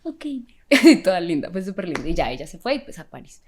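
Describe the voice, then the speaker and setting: Young woman telling an animated story. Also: fairly low pitch, a little fast. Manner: animated, acts out the voices of the people in her story. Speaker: podcast guest sharing a testimony. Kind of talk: casual storytelling.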